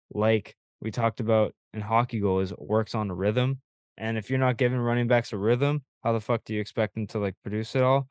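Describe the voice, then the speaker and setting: A young man co-hosting a podcast, rambling and excitable in casual sports chat, swearing freely. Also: lowish voice, clean tone, no room sound, clean studio sound. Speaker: podcast co-host.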